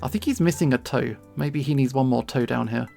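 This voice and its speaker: Speaking at medium pitch, a little fast and with a dark tone, this streamer from southern England chats casually and playfully while drawing. Her southeast English accent comes with careful, clear enunciation and crisp T's, she chuckles often, and faint music plays behind her.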